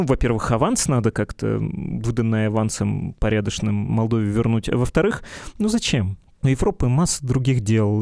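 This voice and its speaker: A man's voice: mid-range voice, vocal fry, darkish tone, no room sound, clean studio sound. A man hosting a political discussion, wry and thoughtful with a slightly ironic touch. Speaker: host.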